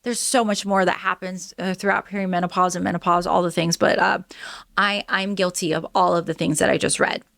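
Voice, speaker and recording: A woman's voice: lowish voice, fairly even intonation, a little fast, creaky, fairly bright tone, no echo. A woman in her early forties hosting a solo podcast, reading news items aloud and reacting to them in a candid, chatty way. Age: 40s. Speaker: host.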